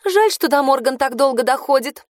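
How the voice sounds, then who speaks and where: A woman's voice: high-pitched, animated, normal speed, dry recording, studio quality, pitched above the performer's own voice. A woman voicing a bold, brash teenage girl who taunts and threatens. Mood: taunting.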